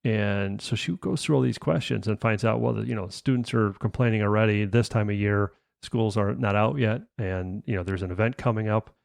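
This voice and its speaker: A man's voice: on the low side, normal speed, vocal fry, hardly any pauses, no room sound, studio quality. A man hosting a podcast, telling a sales story in a casual way, often restarting his sentences and adding "right?". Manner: conversational, frequent restarts and tag questions. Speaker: podcast host.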